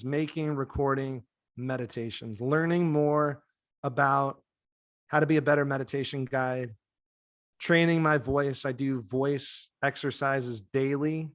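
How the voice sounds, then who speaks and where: A man in his thirties who teaches yoga co-hosts a casual podcast chat over a video call from a dim home room, using a desk mic. He sounds laid-back, soothing and joking, with a medium-pitched voice in studio quality and no echo.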